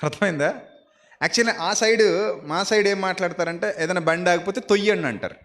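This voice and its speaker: A man from the Godavari region preaches to his congregation in a fairly high voice. He keeps circling back with the same pointed questions, repeating phrases to drive each point home. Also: fast, fairly bright tone. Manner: repeats himself and fires rhetorical questions at the congregation. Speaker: pastor. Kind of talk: sermon.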